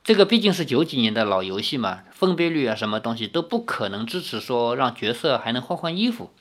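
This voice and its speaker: An expressive storyteller narrates a novel aloud, voice climbing and dropping with animation. Now and then the reading breaks into relaxed spoken asides. The pitch sits in a middle register. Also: fairly quick. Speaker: audiobook reader. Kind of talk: novel narration with personal commentary.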